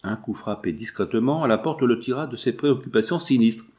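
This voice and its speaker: A man reading a novel aloud in measured, dramatic narration. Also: medium pitch, a little mellow. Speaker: audiobook reader. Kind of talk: scripted narration.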